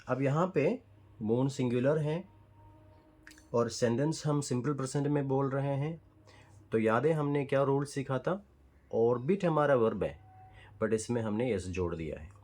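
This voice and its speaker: A man's voice: mid-range voice, darkish tone, rough recording. A man teaching English grammar, explaining in Hindi and spelling out English example sentences word by word, patient and careful. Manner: slow and deliberate, spelling out example sentences word by word with pauses and fillers; patient, explanatory, checks understanding with the listener.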